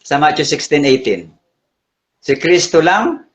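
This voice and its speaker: A man's voice: on the high side, very animated, unhurried. A pastor with a Filipino accent questioning his opponent in a debate, rereading verses to press his point.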